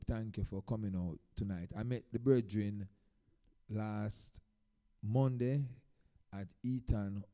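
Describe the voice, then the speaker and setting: A dub poet with a Jamaican accent introduces a live event in Patois, telling stories to the audience in short phrases that swell with emphasis. It's informal stage talk, and his voice is lowish and mellow.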